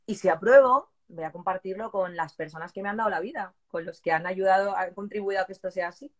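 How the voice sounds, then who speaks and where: A woman in her forties from southern Spain, telling an interviewer her personal story with strong feeling and lively quoted voices. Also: medium pitch, quick pace. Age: 40s. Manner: animated, moved, voicing people in her story. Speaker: interviewee, police exam candidate.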